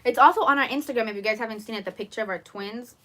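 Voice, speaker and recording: A woman's voice: a little high, rapid-fire, a bit bright. A young woman co-hosting a live lunch stream, bubbly and talking straight to her viewers between bites. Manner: bubbly, addresses viewers directly. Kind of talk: casual chat while eating. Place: at home over lunch.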